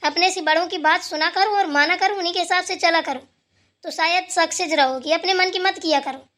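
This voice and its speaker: Woman doing a taunting old cartoon mother-in-law, very high bright voice, nagging. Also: fairly quick. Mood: scolding. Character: scolding sharp-tongued old mother-in-law. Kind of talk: cartoon voice acting.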